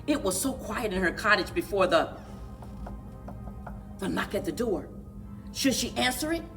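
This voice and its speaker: A woman hosts library story time, reading to children with expressive, dramatic, deliberate narration and playful sound words. Her voice sits in the mid-range, and music plays in the background.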